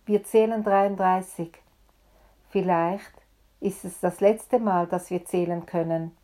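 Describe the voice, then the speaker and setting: A woman's voice: fairly low pitch, steady tone, warm tone. A woman voicing a solemn male rabbi who speaks earnestly to his frightened congregation. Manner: earnest, slow and deliberate.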